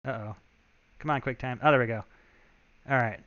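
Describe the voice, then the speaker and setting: A man's voice: mid-range voice, normal speed, a bit bright, muffled recording. A man, a game developer, chatting casually and thinking aloud as he walks viewers through his work on a live stream.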